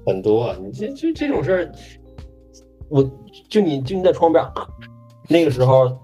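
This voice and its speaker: A man's voice: fairly high pitch, big pitch swings, moderate pace, warm tone, slightly rough, faint music behind. A man with a Northeastern Chinese accent, co-hosting a podcast and teasing in casual chat. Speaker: podcast co-host.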